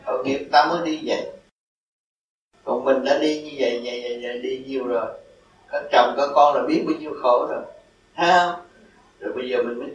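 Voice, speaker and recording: A man's voice: mid-range voice, reverberant, recorded from a distance, slight background noise, poor audio. An older man giving a Buddhist dharma talk, answering a follower in a rambling, repetitive, folksy way and chuckling as he teaches.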